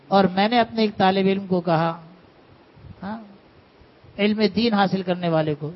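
A man's voice: sits high, a little hiss or hum. A middle-aged man, preaching a sermon in a conversational way, teasing his listeners and calling them brother. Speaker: religious teacher. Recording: muffled lo-fi recording.

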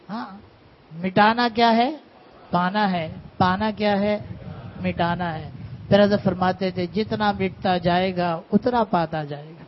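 A man's voice: high-pitched, a little hiss or hum. A middle-aged man, preaching a sermon in a conversational way, teasing his listeners and calling them brother. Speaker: religious teacher. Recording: muffled lo-fi recording.

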